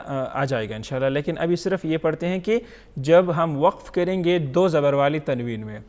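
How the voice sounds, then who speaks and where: This male Quran recitation teacher, working in an online class, stretches every letter sound out slowly and keeps asking brief questions to check on his student. His voice sits on the high side.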